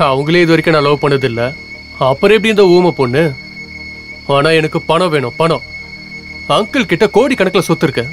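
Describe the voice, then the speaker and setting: A man's voice: on the high side, expressive, brisk, long pauses, natural voice. An actor playing a greedy young man who schemes to marry a rich girl, speaking in a sneering, mocking way. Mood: scheming. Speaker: film character. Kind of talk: Tamil film dialogue. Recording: film soundtrack with music underneath.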